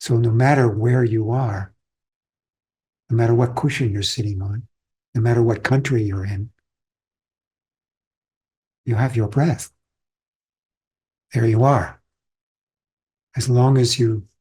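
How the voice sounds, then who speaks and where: A man from Austria giving a calm, reflective dharma talk as a Zen teacher, unhurried and pausing often. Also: mid-range voice, breathy edge.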